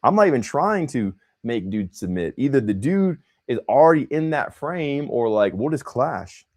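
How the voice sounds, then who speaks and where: A young guy hosting a casual livestream speaks at a moderate pace in a medium-pitched voice, animated and loose, peppering his talk with "bro" and "man."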